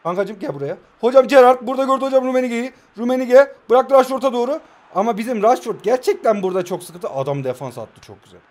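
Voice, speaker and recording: Young Turkish man, high voice, excitable self-talking game commentary. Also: fast, few pauses. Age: 20s. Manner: excitable, self-talking, swings from calm mutters to loud outbursts. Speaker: mobile football gamer and streamer. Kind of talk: live gameplay commentary.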